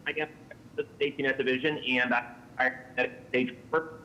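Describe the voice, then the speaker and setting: A middle-aged man presenting on a call over a phone line that keeps breaking up and cutting out, his words halting and repeated. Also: medium pitch, flat delivery, bright, forceful tone, a little hiss or hum. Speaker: company president presenting at a meeting. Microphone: phone line on a video call.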